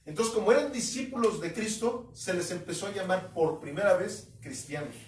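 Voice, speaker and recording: A man's voice: high-pitched, normal speed, a little hiss or hum. A man preaching an expository sermon as pastor, emphatic, now and then mocking doubters in quoted voices. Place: at home. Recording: echoey room, mic at a distance.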